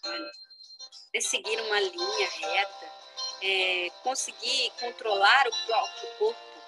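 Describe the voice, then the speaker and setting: A woman's voice: slow pace, over loud music, rough recording. A middle-aged woman, an educational psychologist, giving an explanatory online talk and addressing her audience directly. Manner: explanatory, addresses the audience as "gente", lively with sudden high exclamations. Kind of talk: online lecture.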